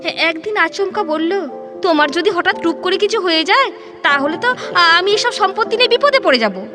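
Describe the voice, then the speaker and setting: A woman acting a plaintive, girlish-hearted elderly widow in an old-style radio drama, expressive and lilting. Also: extremely high pitch, moderate pace, over music. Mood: sorrowful.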